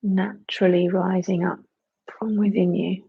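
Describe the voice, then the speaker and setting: A meditation and breathwork teacher giving hushed, unhurried guided instruction with long pauses, in a creaky, breathy voice. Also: mid-range voice, level tone, narrow, tinny audio.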